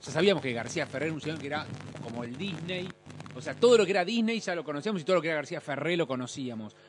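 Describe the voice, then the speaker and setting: A man's voice: a little high, lively intonation, background noise. A middle-aged Argentine man, a guest on a casual podcast, telling stories in a rambling way with restarts. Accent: Argentine Rioplatense. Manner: rapid, rambling storytelling with restarts.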